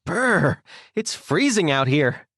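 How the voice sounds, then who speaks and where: A man's voice: extremely high pitch, very animated, unhurried, fairly bright tone, clear, resonant tone, no room sound, clean studio sound, pitched above the performer's own voice, heavily acted. A male narrator voicing a cheerful young man tour guide who talks in a sing-song way. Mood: cheery.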